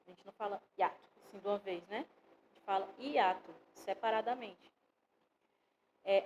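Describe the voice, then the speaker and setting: A woman's voice: mid-range voice, darkish tone, slight background noise, poor audio. A woman with a Brazilian Portuguese accent teaching an online grammar lesson to children, explaining step by step and often checking in with her students.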